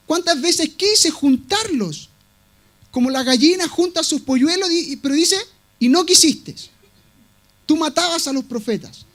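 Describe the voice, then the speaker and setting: A man preaching a sermon in a strikingly high voice. He is emphatic and insistent, circling back to the same words to drive each point home. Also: a bit bright. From Latin America. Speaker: pastor.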